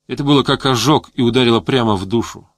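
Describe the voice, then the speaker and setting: A man narrating an audiobook in a measured, steady reading voice. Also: mid-range voice, no room sound, clean studio sound. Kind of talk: scripted narration.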